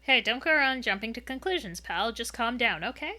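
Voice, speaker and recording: A woman voices a rough-edged, good-natured male detective from a video game. The delivery is casual and gruff, with a bright edge to the tone. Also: fairly high pitch, expressive, fairly quick.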